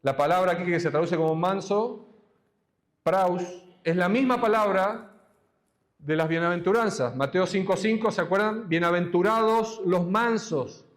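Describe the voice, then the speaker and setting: A man from Argentina, preaching an expository sermon in a church and slowing down to stress the scripture he quotes. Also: high-pitched. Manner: teaching, quoting scripture slowly with emphasis. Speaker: pastor.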